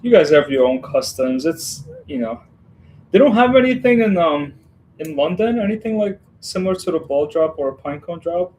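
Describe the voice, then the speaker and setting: A man's voice: fairly high pitch, lively intonation, moderate pace, darkish tone, a little hiss or hum, rough recording. A man from Western Ukraine hosting a casual building livestream, chatting and rambling with viewers as he works. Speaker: livestream host building a model set.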